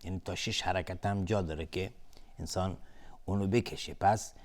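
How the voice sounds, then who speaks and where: A man teaching Quran recitation in a televised lesson, explaining patiently step by step and slowly drawing out recited examples. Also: deep voice, fairly even intonation.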